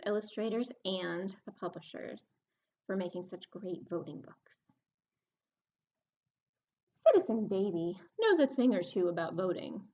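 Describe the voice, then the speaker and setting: A woman leads a children's story time, reading aloud in an animated, sing-song style and asking the young listeners questions. Her voice is mid-range, and the audio sounds dull.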